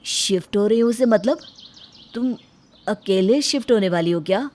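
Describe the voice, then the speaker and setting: A devoted young husband speaks gently and earnestly, voiced by a woman telling a moral story. He sounds humble and kind, with a mid-range voice that stays level. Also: medium pitch, lively intonation, normal speed, natural voice. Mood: hurt. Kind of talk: Hindi storybook voice acting.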